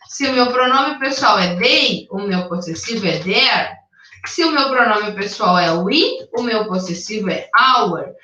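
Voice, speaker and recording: A woman English teacher, patiently explaining a recorded lesson, checking in often and reading English sentences slowly and carefully. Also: on the high side, sharp tone. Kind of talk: recorded online class explanation. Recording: dull, echoey sound from a distance.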